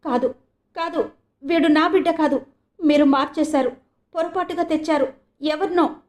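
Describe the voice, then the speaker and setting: A woman's voice: a little slow, warm tone, lightly acted. A woman voicing a distraught young mother who cries and pleads, from an audio novel. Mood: frantic. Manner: tearful, pleading, high-strung.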